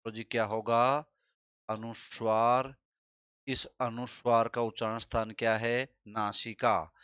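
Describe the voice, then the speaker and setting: A man's voice: mid-range voice, little pitch movement, a bit bright, smooth, dry recording. A man teaching a Hindi grammar lesson, repeating key terms and quizzing his listeners. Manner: drawn-out, deliberate delivery. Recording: slightly dull, dry sound.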